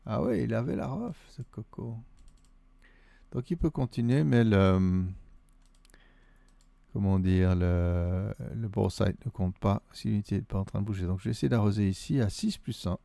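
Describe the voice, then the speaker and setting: A man's voice: on the low side, moderate pace, creaky, warm tone, no room sound. A man with a Vaudois Swiss accent, thinking aloud and counting under his breath as he plays through a solo board wargame. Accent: Vaudois Swiss French.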